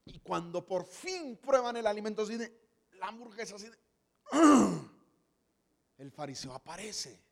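Man, Mexican Spanish accent, comedic preacher, high voice, long hall reverb. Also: unhurried, creaky, pauses often. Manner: animated storytelling, acting out characters. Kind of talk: comedic sermon with acted scenes.

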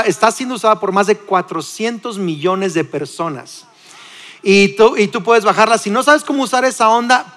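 High-voiced Mexican pastor preaching. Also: male voice, long reverb tail. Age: 40s. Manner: animated, conversational preaching with many restarts. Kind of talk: sermon. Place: church.

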